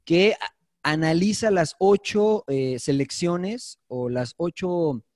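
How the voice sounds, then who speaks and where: A man's voice: fairly high pitch, slow, a little mellow, no room sound, studio quality. Emphatic Mexican man talking football. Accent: Mexican Spanish. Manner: emphatic, repeats himself. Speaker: podcast co-host. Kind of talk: casual sports chat.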